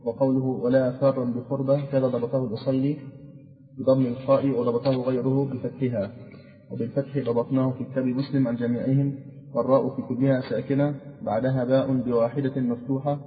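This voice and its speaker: A man reading classical commentary aloud in class, with a quick, even recitation. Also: mid-range voice. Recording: echoey hall on a tinny old tape.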